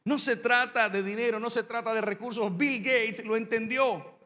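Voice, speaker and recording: A man preaching a sermon as a pastor, telling a story and then driving the lesson home with repetition and dramatic pauses. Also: very high voice, fairly even intonation, sharp tone, in a large hall.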